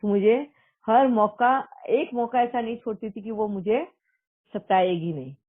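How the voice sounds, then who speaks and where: A woman spiritual speaker earnestly recounts a personal testimony in Hindi mixed with English words. Her voice is fairly high and a little slow, and the audio sounds tinny, like a phone.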